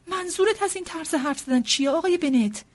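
A woman voicing a fussy, excitable middle-aged mother in an audiobook, pushing and pleading in a rush. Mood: agitated. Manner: shrill, pushy, breathless insistence. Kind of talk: audiobook character reading.

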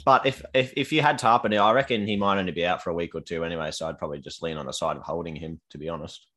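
A man's voice: low-pitched, very fast, a bit bright. An Australian man chatting casually as a panellist on a fantasy rugby league show. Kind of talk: casual sports chat.

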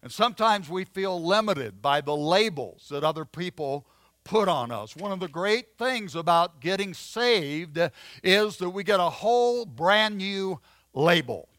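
Man preaching with halting fillers. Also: high-pitched, expressive, fairly bright tone, no room sound. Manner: halting, many fillers and restarts. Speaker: pastor. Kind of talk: sermon with personal storytelling.

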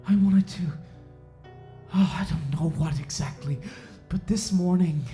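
In an audio drama, a woman plays a cold, self-righteous male Puritan sheriff who preys on the weak, delivering a slow dramatic monologue. Her low, soft-edged voice, close to an everyday voice, broods and turns wistful through long pauses. It sits in a roomy echo with music underneath.

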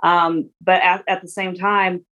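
A woman's voice: on the low side, little pitch movement, a little slow, fairly bright tone, lo-fi sound. A woman in her forties, a guest in a casual interview, talking in a rambling way with many restarts and fillers. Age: 40s.

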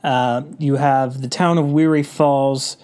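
A man's voice: medium pitch, fairly even intonation, slow pace, darkish tone, clear, resonant tone. A man hosting a casual horror film review, congested from a cold, talking in a rambling way with many fillers. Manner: rambling, filler-heavy delivery.

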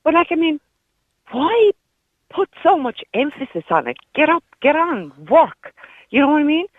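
A woman's voice: high-pitched, big pitch swings, normal speed, no echo. A woman in her fifties with a Kerry Irish accent, giving blunt, emphatic, no-nonsense opinions as a caller to a radio phone-in. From Ireland. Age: 50s. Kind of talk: opinionated casual chat. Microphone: phone call. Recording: muffled narrow-band phone line.

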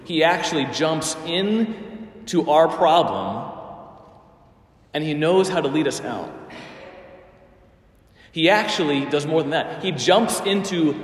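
A man's voice: on the high side, lively intonation, takes it slowly, long pauses. Man, priest, sermon, storytelling, emphatic, echoey church, long reverb.

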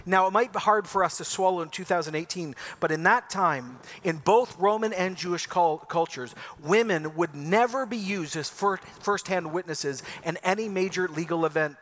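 A man's voice: high-pitched, normal speed, hardly any pauses, fairly bright tone. A man who grew up in Ecuador, preaching an Easter sermon in an emphatic, rhetorical way. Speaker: pastor.

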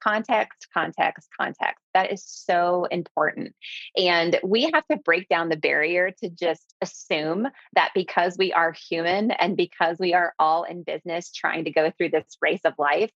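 On the low side with vocal fry and a slightly bright tone, this woman runs her own business and comes from the southeastern US. As an interview guest in a conversational chat, she speaks emphatically, repeating key words for stress. The audio has no echo but sounds muffled.

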